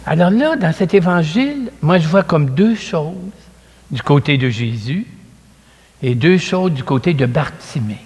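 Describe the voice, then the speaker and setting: Slow, animated Québécois preacher. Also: male voice, on the high side, husky, big-room sound. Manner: animated, acts out the story, chatty asides. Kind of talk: sermon, storytelling.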